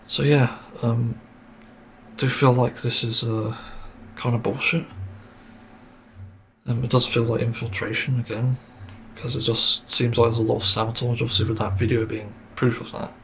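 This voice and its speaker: A man's voice: medium pitch, little pitch movement, moderate pace, creaky, slight background noise. Exasperated man ranting solo. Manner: frustrated, swearing, many fillers and sighs. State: sore throat, mint in mouth. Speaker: podcast host. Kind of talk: solo podcast rant.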